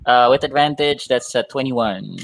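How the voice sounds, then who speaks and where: A player, polite and measured, describing his character's actions in the third person. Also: mid-range voice, creaky, noisy background. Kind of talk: casual tabletop play.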